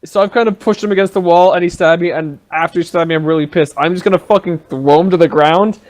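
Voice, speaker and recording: A man playing a tabletop game, excitable and swearing freely. His voice sits a bit higher than most men's. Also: quick pace. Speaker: player. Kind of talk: casual tabletop role-play chat.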